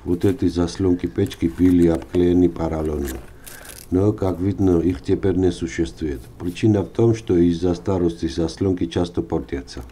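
Male host, low and mellow, plain how-to voice-over for a car repair tutorial. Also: moderate pace, a little hiss or hum.

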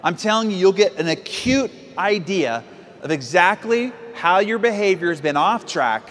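High-voiced man speaking in a big hall. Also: moderate pace, a little hiss or hum. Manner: energetic, direct, peppered with rhetorical questions. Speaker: motivational speaker. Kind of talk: motivational stage speech. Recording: long reverb of a large hall.

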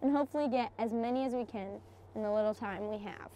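A young woman vlogging from a fishing boat outdoors, excitable and cheering at each catch, recorded on an action camera. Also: fairly high pitch, quick pace, highs cut off. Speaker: vlogger, angler. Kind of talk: excited fishing vlog chat.

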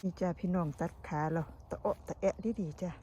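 A woman with a Northeastern Thai Isan accent, chatting to viewers in a lively way as she forages for mushrooms in the woods, with many exclamations. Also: lowish voice, brisk. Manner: lively, exclaims often, calls viewers "brothers and sisters". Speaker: vlogger foraging for wild mushrooms. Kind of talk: chatty walk-and-talk narration to viewers. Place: outdoors in woodland. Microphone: handheld camera. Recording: outdoor recording with clear background noise.

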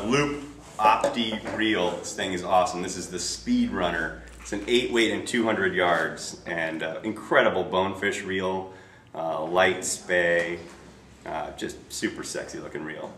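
Deep, bright and forceful, this American man's voice pitches products in a small shop, unscripted and informal, using short clipped phrases. The sound is echoey, caught by a camera mic a few feet off, with faint noise.

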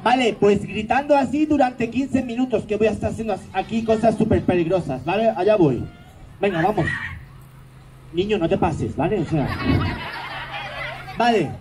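A man's voice: high voice, moderate pace, long pauses, noisy background. A man doing stage comedy, teasing the audience in a sarcastic, mock-grumpy way.

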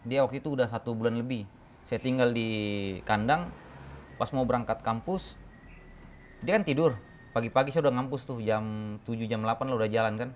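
A young man from the Kei Islands tells his story with energy, and he often jumps into quoted voices and dog commands. His voice sits at a middle pitch, and there is a faint hiss behind him. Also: a little fast. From Kei Islands, eastern Indonesia. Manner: animated, acts out quotes and calls. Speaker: dog trainer, guest. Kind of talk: casual storytelling chat.

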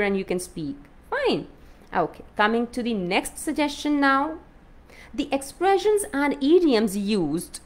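A woman with an Indian English accent teaching an exam-prep lesson, constantly checking in with "okay?" and "fine?". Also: medium pitch. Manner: lively up-and-down teaching voice. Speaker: IELTS coach.

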